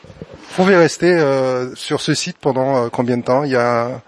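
A man's voice: mid-range voice, moderate pace, slight background noise. A man interviewing a business owner, asking questions hesitantly with frequent fillers.

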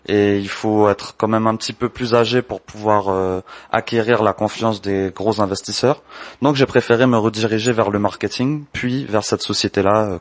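A man in his twenties from French Guiana, answering interview questions about his business in a measured, explanatory way. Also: on the low side, no echo. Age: 20s. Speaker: entrepreneur, candle maker.

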